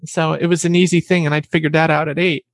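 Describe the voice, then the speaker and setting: A woman guest telling a personal story in an interview, animated and acting out what other people said. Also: deep voice, quick pace, no echo.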